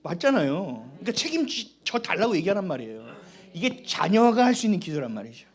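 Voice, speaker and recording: A man's voice: high voice, a little fast. A middle-aged man preaching a sermon as pastor, telling family stories with acted-out dialogue. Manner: animated storytelling, acting out family dialogue.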